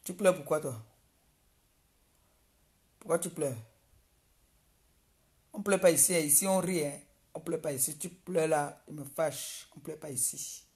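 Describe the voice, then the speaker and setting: A woman's voice: low-pitched, steady tone, a little slow, pauses often, a little mellow. A woman on a live video, taunting someone she dislikes and repeating insults over and over. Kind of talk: mocking live-video rant.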